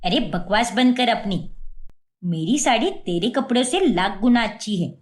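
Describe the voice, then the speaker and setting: A bossy middle-aged mother-in-law from a cartoon story, voiced by a woman. She scolds with open scorn, her fairly high voice rising and falling in lively swings. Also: normal speed, natural voice. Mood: scolding. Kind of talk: Hindi cartoon voice acting.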